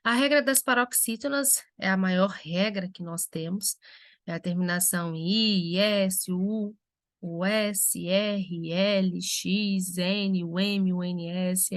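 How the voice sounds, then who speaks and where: A woman's voice: mid-range voice, fairly bright tone, no room sound. Woman teacher in a dry lecture. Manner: slow, spelled-out examples for students. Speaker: Portuguese language teacher. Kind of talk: recorded lecture.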